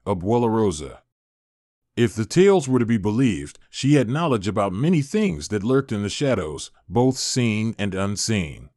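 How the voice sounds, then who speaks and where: A man narrating a horror story in a steady, dramatic storytelling manner. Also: lowish voice, no room sound, studio quality.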